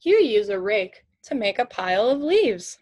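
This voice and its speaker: In a small shelved room at home, a woman in her twenties reads a picture book to children at normal speed. Her mid-range voice is darkish with big pitch swings, and she uses simple, teacherly phrases and questions.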